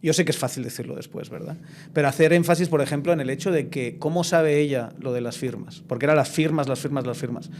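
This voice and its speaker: A man hosting a podcast interview, chatty and animated, often checking in with tag questions as he talks. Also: on the high side, fast talker, a little hiss or hum. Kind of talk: conversational interview.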